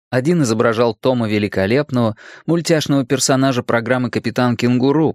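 A man reading an audiobook in a measured, steady way, dropping lower on the grim lines. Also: no room sound, clean studio sound. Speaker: audiobook narrator. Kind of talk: scripted narration.

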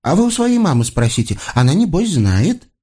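A man's voice: on the high side, sing-song, normal speed, mellow, breathy edge, voice pushed up. A man voicing a chatty, naive little Cossack girl who talks innocently.

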